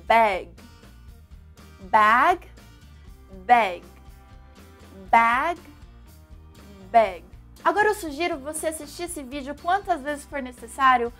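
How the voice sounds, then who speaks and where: A young Brazilian woman with a Brazilian Portuguese accent, an English teacher giving a lively, animated video lesson. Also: sits high.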